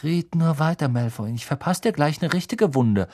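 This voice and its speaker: Male reader as a teen audiobook boy: blunt, gruff, curt. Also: on the high side, expressive, normal speed, a little mellow, voice pushed up. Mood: angry. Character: angry teenage schoolboy, blunt and hot-tempered.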